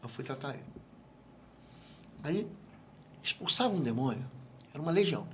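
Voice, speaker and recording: Animated Brazilian man, pastor, high-pitched. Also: normal speed, a little hiss or hum. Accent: Brazilian Portuguese. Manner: animated storyteller who acts out quoted dialogue. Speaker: guest pastor. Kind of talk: interview, teaching on spiritual matters.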